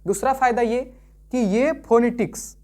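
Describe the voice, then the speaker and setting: A Sanskrit teacher with a very high, slightly mellow voice gives an unhurried, step-by-step online lesson. He goes over each point several times and keeps checking understanding with tag questions before moving on.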